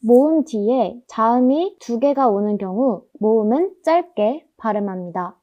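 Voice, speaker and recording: A woman teaching German pronunciation, explaining patiently and drilling each word slowly through repetition. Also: fairly high pitch, lively intonation, lo-fi sound. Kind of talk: explanatory language lesson.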